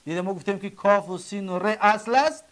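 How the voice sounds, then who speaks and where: A man with a Tajik accent teaching an Arabic grammar lesson, asking and answering his own questions and repeating word forms slowly. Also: sits high, a bit bright. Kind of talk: classroom lesson.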